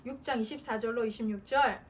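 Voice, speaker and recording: High-voiced woman pastor preaching from afar. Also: brisk. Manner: earnest preaching, laughing and acting out prayers. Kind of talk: sermon. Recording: distant mic with faint noise.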